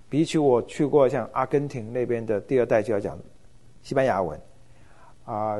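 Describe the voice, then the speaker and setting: A middle-aged man teaches in a relaxed, unhurried lecture. His voice is mellow and warm, and he often pauses with hesitation fillers as he thinks aloud. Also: medium pitch. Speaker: church ministry lecturer. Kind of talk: informal lecture.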